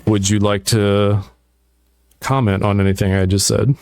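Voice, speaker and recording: A man hosting a podcast, talking at length about writing his song, animated and full of restarts. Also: lowish voice, a little slow, clean tone. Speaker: podcast host and musician. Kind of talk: casual interview chat.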